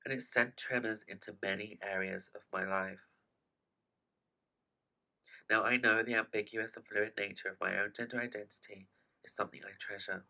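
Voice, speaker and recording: Creaky, bright low-voiced man, theatrical podcast host. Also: fairly even intonation, brisk, rough recording. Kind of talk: scripted self-help podcast narration.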